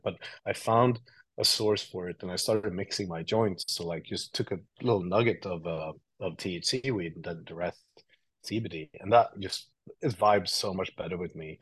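Guest from Sweden, 30s, deep dry voice, laid-back rambling storyteller. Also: male voice, husky, dry recording, rough recording. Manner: relaxed storytelling with many fillers and restarts. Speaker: guest, creative officer. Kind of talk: casual interview talk.

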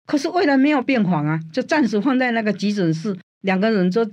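An older woman from Taiwan, a guest in an interview telling her faith story in an animated way, often using the filler sounds "hā" and "āi". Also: quick pace. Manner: animated storyteller, frequent "hā" and "āi" fillers, rising pitch in tense moments. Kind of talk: personal faith testimony in an interview.

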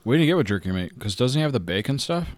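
A man's voice: medium pitch, sing-song, racing, dry recording. A man co-hosting a podcast, talking in a laid-back way with many fillers. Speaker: podcast co-host. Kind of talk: casual crude podcast banter.

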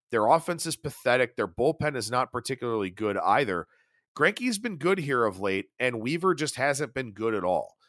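A man hosting a sports betting podcast, running through baseball stats and picks at a quick clip in a solo analysis style. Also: a little high, no echo, clean studio sound. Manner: rapid stat-heavy delivery, animated.

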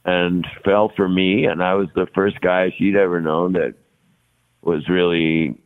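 Over a tinny, phone-like connection, a low-pitched man in his 60s speaks at a measured pace with a flat delivery. As a podcast guest in a casual interview conversation, he talks at length, frequently repeating words and laughing between thoughts.

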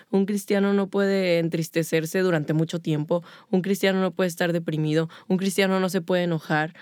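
A woman's voice: fairly low pitch, clear, resonant tone, no echo, clean studio sound. A woman with a Mexican accent talking casually about faith and emotions, stacking up long spoken lists. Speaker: podcast co-host.

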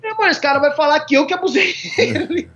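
A man's voice: very high-pitched, fast talker, a bit bright. A man from a small town in Minas Gerais, a guest telling funny stories casually and laughing often. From small town in Minas Gerais, Brazil. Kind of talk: casual storytelling. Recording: dull lo-fi sound.

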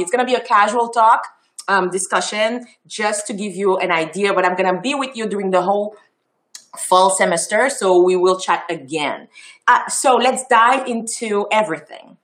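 A woman's voice: mid-range voice, moderate pace, a bit bright. A woman from Haiti with a French and Creole accent, giving a chatty presentation full of ums and restarts. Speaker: festival founder giving a talk. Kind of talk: casual presentation talk.

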